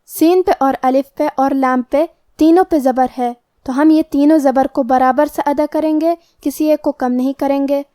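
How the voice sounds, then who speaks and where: A woman teaching Quran recitation rules, explaining each letter and rule calmly and step by step. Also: high-pitched, dry recording, studio quality. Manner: calm, methodical step-by-step explanation. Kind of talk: explaining tajweed rules in Urdu.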